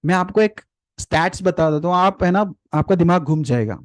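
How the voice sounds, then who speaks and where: A man's voice: high voice, expressive, normal speed, dry recording. A man leading a live parenting workshop over a video call, who lectures animatedly, repeats his key points and calls on participants by name. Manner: asks rhetorical check questions. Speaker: parenting and personal development trainer.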